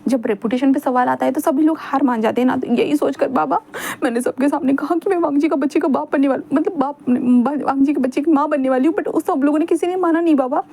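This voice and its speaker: A woman's voice: high-pitched, quick pace, vocal fry, mellow. A woman voicing a dramatic, clingy young man who pleads, whines and schemes in a read-aloud fan fiction story. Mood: wheedling. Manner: whiny, pleading, theatrical.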